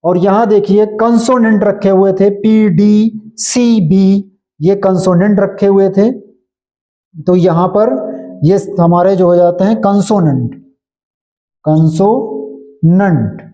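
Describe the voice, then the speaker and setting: Slow, dark-voiced male English teacher. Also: sits high, fairly even intonation, dull audio. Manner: repetitive, checks understanding often. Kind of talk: slow classroom explanation in Hindi.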